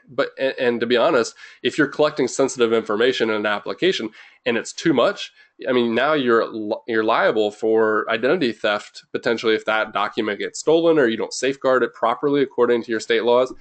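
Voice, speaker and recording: A young man hosting a webinar in an informal, rambling way, full of fillers and restarts, a little jittery from too much caffeine. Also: mid-range voice. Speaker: webinar host.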